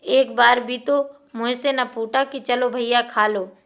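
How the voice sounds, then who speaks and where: A woman's voice: fairly high pitch, steady tone, slow pace, a bit bright. A woman voicing a young village wife who speaks in a scornful, taunting way. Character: Mulia, young wife, sharp-tongued and scornful.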